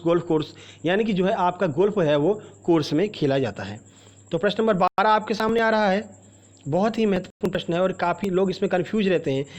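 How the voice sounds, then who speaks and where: A man's voice: high voice, lo-fi sound. A man teaching a general-knowledge quiz for exam preparation, reading out each question and its options, then explaining the answer to the viewer. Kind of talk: exam-prep quiz lesson.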